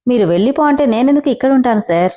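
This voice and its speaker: A woman voicing a defiant, sharp-tongued young female employee who speaks in a cheeky, mocking, drawn-out way, in a storybook reading. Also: on the high side, expressive.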